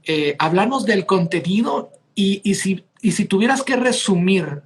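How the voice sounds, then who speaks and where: A man hosts an interview podcast, speaking in a relaxed, conversational way. He reacts with eager enthusiasm and praises his guest often. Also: high-pitched, measured pace. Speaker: podcast host. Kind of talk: casual interview talk.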